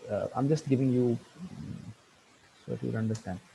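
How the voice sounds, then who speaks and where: A man teaching an online English grammar lecture, halting with many fillers and restarts, spelling words out letter by letter, over a video call. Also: mid-range voice, gravelly, mellow, slight background noise, low-quality recording.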